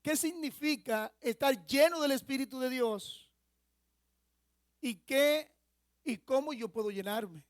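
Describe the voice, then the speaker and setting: A man's voice: very high-pitched, slow, long pauses, dry recording, studio quality. A male pastor from the Dominican Republic preaching a sermon in a church, explaining a word and asking the congregation questions. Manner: teaching with rhetorical questions to the congregation. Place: church sanctuary.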